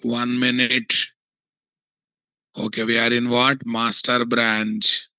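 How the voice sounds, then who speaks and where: A man with a Telugu Indian English accent giving a software tutorial, thinking aloud and often asking questions that he answers himself. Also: mid-range voice, monotone, slow, dry recording. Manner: asks and answers his own checking questions.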